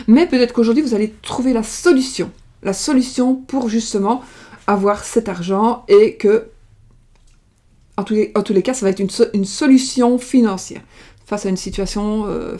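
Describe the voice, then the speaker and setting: On a casual card-reading livestream, a middle-aged tarot reader from France talks at a moderate pace in a warm, medium-pitched voice. Her speech wanders, full of fillers and restarts, and the audio has a webcam or desk-mic, video-call quality.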